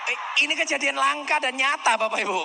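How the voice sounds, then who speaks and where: A man's voice: very high-pitched, fast talker, vocal fry, big-room sound, background noise. A man giving a sales training seminar, acting out customer dialogues and often asking the audience to agree. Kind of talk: seminar lecture.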